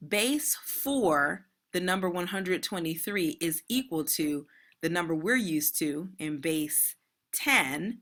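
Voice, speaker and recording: A woman's voice: on the low side, animated, takes it slowly, fairly bright tone. A woman math teacher giving an online lesson in a casual, chatty way, talking straight to her students.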